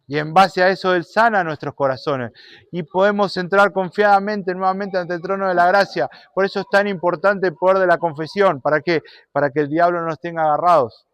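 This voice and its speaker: A man preaching a sermon and telling a story, animated, shifting between loud and soft. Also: high voice, clear, resonant tone, dry recording.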